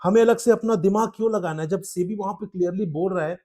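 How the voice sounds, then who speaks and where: A man's voice: sits high, fast talker, warm tone. A man tutoring law exam students, explaining strategy in a direct, advising way and often checking in with "okay?". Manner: explains in Hindi mixed with English, asks "ठीक है?" often.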